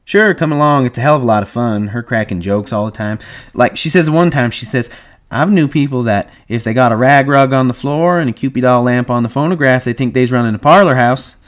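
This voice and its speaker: A man's voice: medium pitch, brisk, pitched above the performer's own voice, lightly acted. A man reading aloud and playing a chatty young ranch hand who talks in an eager, gossipy drawl. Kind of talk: audiobook reading.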